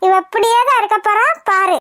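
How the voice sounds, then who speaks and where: A woman doing a high, scolding cartoon grandmother. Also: fairly even intonation, fairly quick, pushed and bright. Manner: nagging, scolding. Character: scolding old grandmother, sharp-tongued and blunt. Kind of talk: cartoon voice acting.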